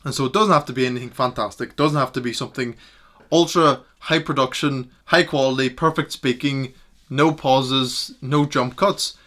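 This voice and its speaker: Young man, mid-pitched, steady earnest to-camera vlogger. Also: moderate pace. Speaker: self-improvement YouTuber. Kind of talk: reflective talking-head vlog.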